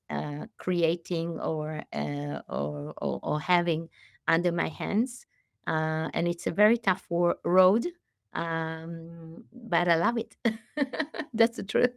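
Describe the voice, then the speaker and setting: An Israeli-born woman in her late forties, a CEO, is the guest in a conversational interview. Her low voice carries vocal fry and a warm but halting manner, full of pauses, fillers and restarts. The studio-quality recording has no room sound.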